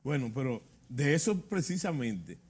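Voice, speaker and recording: A man speaks Spanish with a Dominican Caribbean accent and a somewhat husky voice. He explains conversationally as an interview guest, often doubling back on phrases to stress them and checking that his listener follows. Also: mid-range voice, sing-song, moderate pace, a little mellow.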